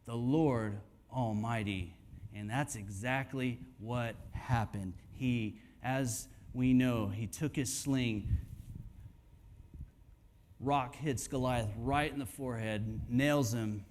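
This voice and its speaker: At a men's conference in a church hall, a man preaches emphatically, swinging from hushed tones to near-shouting. His mid-range voice moves slowly, with a little hiss or hum in the background.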